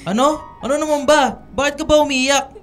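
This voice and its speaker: A man's voice: very high voice, fairly quick, fairly bright tone, soft background music. An actor playing an angry, defensive middle-aged father in a radio drama, scolding and confrontational, with a Filipino accent. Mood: alarmed, demanding.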